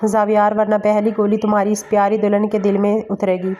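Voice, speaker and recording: Scheming cousin, mocking and cold, flat and mellow, read by a woman. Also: mid-range voice, close to an everyday voice. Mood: taunting. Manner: taunting, mocking. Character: sneering scheming young man, rival cousin.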